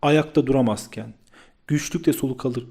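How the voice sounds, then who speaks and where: A man narrates an audiobook at home in a calm, even manner. His voice is mellow and warm, and he reads at a steady pace. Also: medium pitch, moderate pace, vocal fry, slightly rough. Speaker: audiobook reader.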